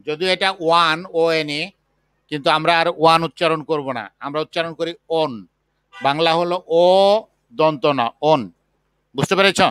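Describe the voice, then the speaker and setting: A man teaching a chemistry class, slowly dictating the material. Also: on the high side, steady tone, pushed and bright, clean tone, dry recording. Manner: slow, patient dictation. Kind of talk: classroom lecture.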